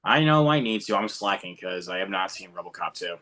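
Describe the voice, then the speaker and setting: A man's voice: low-pitched, animated, fairly quick, bright, forceful tone. A man giving firm opinions in casual movie chat, often repeating words as he starts.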